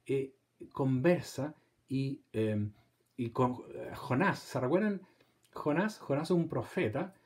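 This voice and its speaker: A man's voice: fairly high pitch, dark tone. A middle-aged Chilean man teaching a parish theology class in a conversational way, asking his listeners questions and acting out replies. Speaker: theology lecturer.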